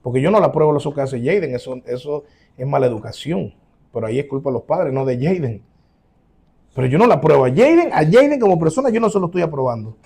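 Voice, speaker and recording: A man preaching as a pastor, emphatic, acting out quoted voices with sudden loud rises, then closing in prayer. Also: on the high side, expressive, fast talker, gravelly, slightly rough. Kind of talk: sermon.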